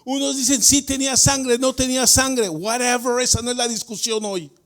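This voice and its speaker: A man preaching as pastor of a church, putting questions to the congregation and swinging between quiet explanation and shouted emphasis. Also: very high voice, normal speed. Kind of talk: Spanish-language sermon. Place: church sanctuary.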